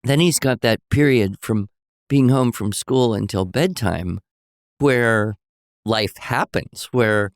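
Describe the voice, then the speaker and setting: A man's voice: fairly low pitch, slow, dry recording, studio quality. A man co-hosting a casual teaching podcast, telling anecdotes and acting out quoted voices. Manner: storytelling, acts out quoted voices. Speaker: co-host. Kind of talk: conversational podcast discussion.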